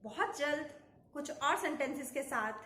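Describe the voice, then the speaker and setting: A woman giving a home-teaching lesson as a YouTube teacher, mixing Hindi with English words. She talks deliberately and repeats model sentences. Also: high voice, bright, forceful tone, slight background noise.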